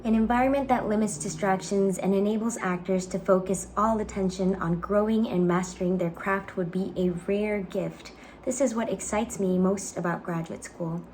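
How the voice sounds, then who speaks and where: A young woman giving an earnest, measured dramatic reading of a personal essay, phrasing it carefully. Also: mid-range voice, fairly even intonation, darkish tone. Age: young adult. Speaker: actor reading own application essay. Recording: clearly noisy background ambience.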